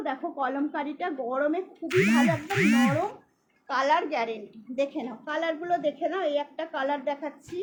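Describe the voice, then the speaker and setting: A woman selling clothes on a live stream, briskly repeating prices and a phone number. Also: high-pitched. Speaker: online clothing seller. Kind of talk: live-stream sales pitch. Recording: slightly dull, faint hiss.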